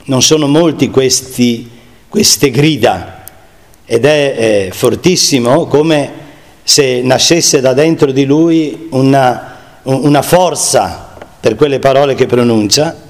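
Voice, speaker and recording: Slow-speaking preacher in a reverberant hall. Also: male voice, mid-range voice. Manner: slow, measured, reads scripture aloud with pauses and restarts. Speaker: preacher giving a Bible talk. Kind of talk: sermon.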